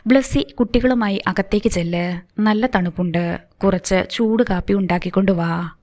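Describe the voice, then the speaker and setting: Audiobook character: a woman voicing a steady middle-aged man, gentle and reassuring, mid-pitched. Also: normal speed, lightly acted. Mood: kindly.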